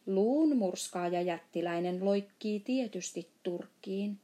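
A woman's voice: mid-range voice, dark tone, lightly acted. A woman voicing a big friendly male giant in a storybook reading, playfully mangling his words.

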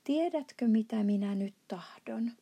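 A woman doing a gentle, kindly giant. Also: fairly high pitch, lively intonation, husky. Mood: fond, indignant. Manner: soft and fond, turning to outbursts. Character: kind, gentle male giant with broken grammar.

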